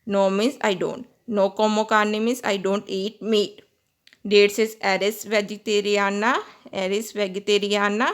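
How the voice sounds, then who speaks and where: Woman teaching words line by line, halting. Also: medium pitch, little pitch movement, clear, resonant tone. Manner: halting, repeats phrases, self-corrects with fillers. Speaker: language teacher. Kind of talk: reading a simple story and translating each word.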